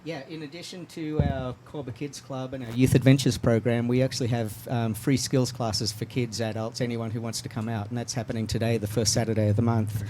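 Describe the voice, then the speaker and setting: A man's voice: medium pitch, little pitch movement, brisk, few pauses, noisy background. A man as a radio talk show guest, explaining steadily with frequent restarts. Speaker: mountain bike advocacy guest.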